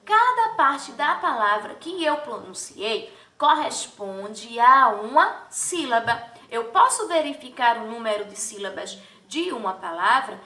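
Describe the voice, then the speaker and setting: A high, bright woman teaching young children, stretching each word slowly and lifting her voice into sing-song questions. She sounds set back from the mic in an echoey room. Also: very animated, distant mic. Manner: slow, drawn-out syllables for children. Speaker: primary school teacher. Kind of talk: remote children's lesson.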